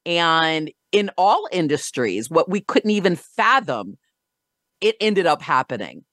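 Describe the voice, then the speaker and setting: A woman hosts a radio career show with a low-set voice. The sound is dry and close, and she talks earnestly, often doubling words as she gathers her thoughts. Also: sing-song, measured pace, a bit bright, dry recording. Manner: earnest, repeats words while thinking. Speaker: host. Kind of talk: radio interview chat.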